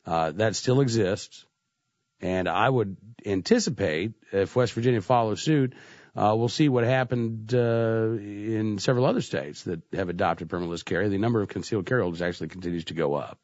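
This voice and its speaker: Stuffed up with a cold, a man hosts a talk radio show, chatting conversationally and saying "uh" a lot. His voice is fairly low and a little mellow at a moderate pace, recorded on a studio microphone in a radio studio with no room sound and a lo-fi quality.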